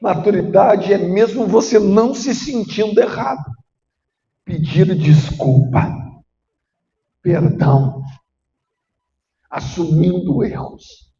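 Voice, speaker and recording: A male pastor preaching a sermon, emotional and at times rising to shouting. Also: high voice, takes it slowly, pauses often, a little hiss or hum. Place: church. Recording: muffled echoey church hall.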